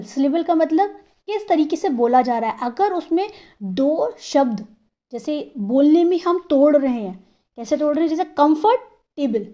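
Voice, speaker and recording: This woman's voice also sits high but has a dark tone as she teaches English grammar classroom-style. She's patient, breaking example words into slow syllables and frequently making sure the listener is following.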